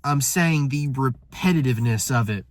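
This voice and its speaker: A man's voice: medium pitch, normal speed, dry recording. Congested man rambling an album review. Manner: rambling, often restarts and corrects himself. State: congested, nasal from a coming cold. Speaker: music reviewer. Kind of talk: casual spoken album review.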